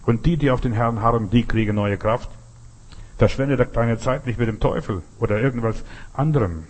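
A man's voice: mid-range voice, normal speed. A man preaching a sermon in an earnest, repetitive way, speaking straight to his listeners.

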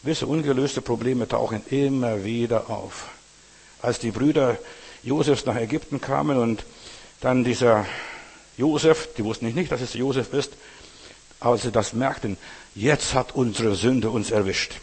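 A man's voice: mid-range voice, moderate pace, darkish tone, breathy edge. A man preaching a sermon in an earnest way, speaking straight to the listener and often repeating words. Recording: long hall reverb.

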